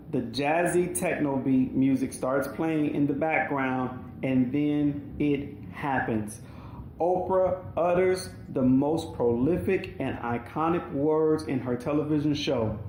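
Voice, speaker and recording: A man's voice: on the high side, measured pace, mellow, a little hiss or hum. A man narrating his own audiobook in an emphatic, dramatic storytelling manner. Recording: roomy echoey recording.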